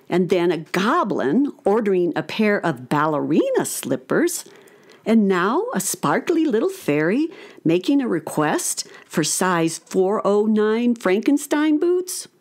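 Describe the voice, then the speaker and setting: With a mid-range voice, a woman tells a scripted children's story, her delivery measured and expressive like a storyteller's.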